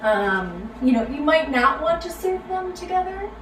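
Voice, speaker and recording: Upbeat middle-aged woman on a cooking livestream, slightly high voice, echoey room. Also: big pitch swings, normal speed. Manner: playful, upbeat, plugs the website to viewers. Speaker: co-host of a live cooking stream. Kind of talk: casual live-stream chat. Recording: roomy sound from a distant mic, faint background noise.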